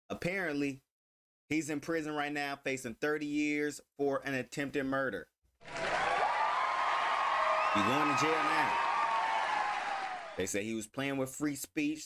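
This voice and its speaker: Slangy man hosting a reaction video. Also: medium pitch. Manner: slangy, loose and chatty. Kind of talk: casual reaction commentary.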